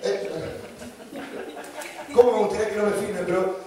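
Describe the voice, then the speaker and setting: Rioplatense pastor, high-pitched man, wry and mocking, heard from afar in a reverberant church. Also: steady tone, normal speed, a crowd in the background. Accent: Rioplatense Spanish. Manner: joking, mocking, acts out quoted voices. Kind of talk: sermon. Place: church hall. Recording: echoey church from a distance.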